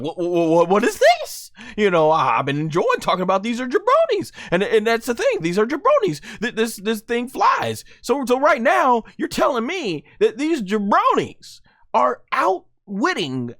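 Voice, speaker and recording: A man doing excited anime fight commentary in hyped wrestling-style banter, often stammering and restarting. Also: very high voice, no room sound, studio quality.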